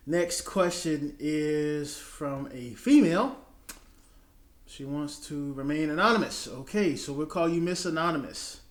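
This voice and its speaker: An American man in his thirties, casually answering viewer questions in a loose, rambling way. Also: medium pitch. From United States. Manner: rambling, loose and chatty with many fillers. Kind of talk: casual chat. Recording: echoey room.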